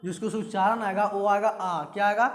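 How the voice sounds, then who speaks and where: Here a man lectures at a fairly quick pace in a high, steady voice, circling back to the same terms and answering questions he raises himself. Faint hiss and room echo sit behind him.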